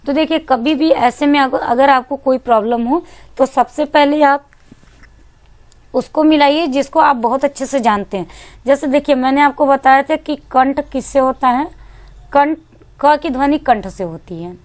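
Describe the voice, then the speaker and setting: A woman with a high voice teaches an exam-prep lesson. She asks a question, then answers it herself and repeats the key point. English words slip into her speech as she goes. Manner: mixes English words into Hindi.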